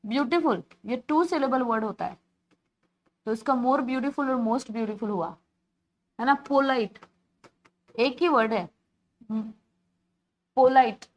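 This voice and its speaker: In a high voice, a woman teaches grammar in an online exam-prep class. She explains patiently in Hindi mixed with terms, repeats key words, and calls her students beta.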